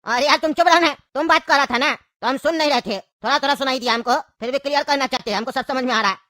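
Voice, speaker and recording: A woman's voice: high-pitched, quick pace, dry recording, studio quality. A woman voicing a bossy, mocking know-it-all man in a comedy skit, with a Bhojpuri-region Hindi accent. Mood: teasing. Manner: scolding, mocking, loud.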